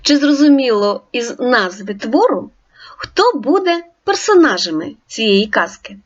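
Woman teacher recording a children's reading lesson; high, lively, encouraging, dull recording. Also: a little slow. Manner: clear, encouraging instructions to the child. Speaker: primary school teacher.

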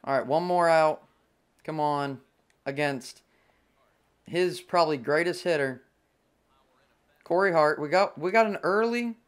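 A young man giving live commentary over a video game as a gaming YouTuber, breaking into excited and frustrated outbursts. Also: on the high side, unhurried, long pauses, smooth.

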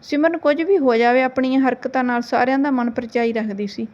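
A woman narrating a short family story in a gentle, steady reading voice. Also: sits high, a little fast, highs cut off.

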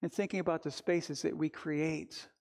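Before the altar of a church sanctuary, an older man preaches an informal storytelling sermon, sharing personal anecdotes in a reflective, conversational manner. His voice is on the high side and darkish, with fairly even intonation, normal speed, and vocal fry.

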